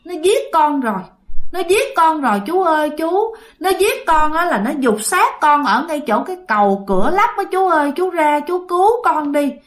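A woman's voice: lively intonation, fast talker. A woman voicing a young woman, frightened and defiant, and later her pleading ghost, in a Southern Vietnamese accent. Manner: pleading, high and strained.

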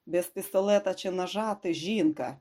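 A reader doing a desperate doctor near shouting. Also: mid-range voice, normal speed, natural voice. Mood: goading. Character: desperate male doctor goading his captor.

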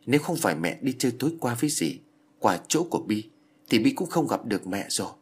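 A man's voice: medium pitch, sing-song, quick pace, husky. A man voicing a small, clingy, vengeful ghost girl who pleads and sobs, in a storybook reading. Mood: pleading. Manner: sobbing, pleading childlike talk.

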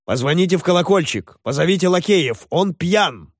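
A man voicing a hot-tempered old country gentleman with a gruff, blustering manner. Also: mid-range voice, sing-song, normal speed, no room sound, clean studio sound. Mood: furious.

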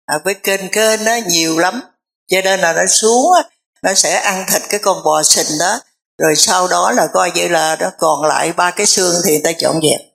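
A Buddhist nun, telling a story in a conversational dharma talk. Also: female voice, on the low side, creaky, a bit bright. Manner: conversational, repetitive fillers, drawn-out phrases.

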